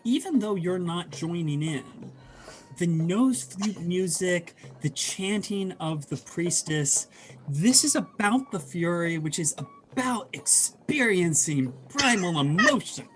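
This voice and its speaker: Slow, soft-spoken male game master. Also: sits high, lively intonation. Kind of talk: narrating a tabletop game.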